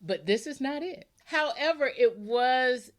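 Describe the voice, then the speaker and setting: Slow-talking chatty woman host. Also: high-pitched, lively intonation. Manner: chatty, rambling, laughs often. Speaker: podcast host. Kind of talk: casual interview chat.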